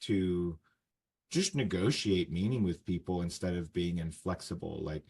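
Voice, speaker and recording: A man's voice: deep voice, moderate pace, a little mellow, breathy edge. A man hosting a casual podcast conversation as an English teacher, explaining his ideas with lots of fillers and restarts.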